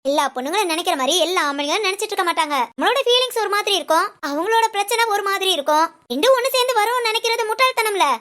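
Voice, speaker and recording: Woman voicing nosy ashram friend, chatty, teasing, high-pitched. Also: expressive, rapid-fire, few pauses, fairly bright tone. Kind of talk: audio story dialogue.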